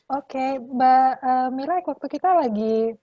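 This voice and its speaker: A woman moderating a webinar, briskly reading out audience questions. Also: high-pitched, dry recording. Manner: brisk, reads questions quickly. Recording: dry, muffled call audio.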